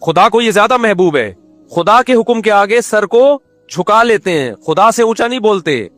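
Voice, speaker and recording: A man with a Pakistani Urdu accent preaching an Islamic sermon, lively, with many rhetorical questions and Quranic Arabic recitation. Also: sits high, dry recording, soft background music. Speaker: Islamic scholar giving a sermon.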